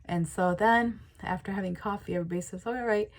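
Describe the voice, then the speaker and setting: A woman's voice: lowish voice, steady tone, fast talker. A woman life coach leading a guided imagination exercise in a casual, repetitive way with lots of fillers. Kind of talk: guided visualization.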